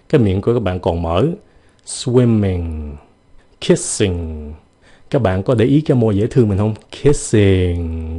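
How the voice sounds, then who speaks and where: A man giving a casual video lesson on pronunciation, repeating example words slowly and exaggerating the sounds. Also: lowish voice, mellow. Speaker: English pronunciation teacher.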